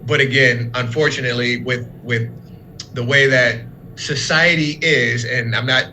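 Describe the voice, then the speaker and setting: A man's voice: mid-range voice, fairly even intonation, unhurried, sharp tone, slight background noise, poor audio. A young adult man talking earnestly in a casual interview, explaining in long run-on sentences. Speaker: fatherhood program worker, guest.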